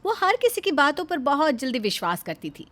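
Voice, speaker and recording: A woman narrating an animated family story in calm, measured tones. Her voice sits high and she reads with an even, steady pace.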